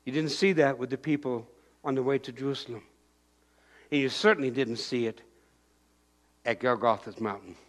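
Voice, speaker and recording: This is an older man preaching in a church sanctuary, speaking at normal speed in a mid-range voice broken by long pauses. As pastor, he roams the space, raises his voice in bursts, points, and acts out crowd voices by shouting them.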